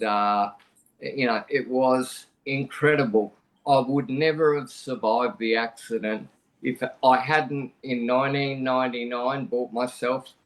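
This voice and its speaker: A middle-aged Australian man, guesting on a podcast, tells a personal story in a mid-range voice with a fairly bright tone. He's conversational and frank, speaking plainly and often restarting his sentences.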